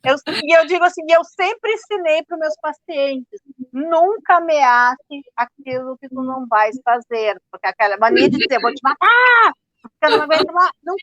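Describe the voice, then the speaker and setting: A woman's voice: sits high, moderate pace, no echo, muffled recording. A middle-aged woman, telling a family story in casual chat and acting out the dialogue. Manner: animated, acts out dialogue, many fillers. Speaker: study group participant.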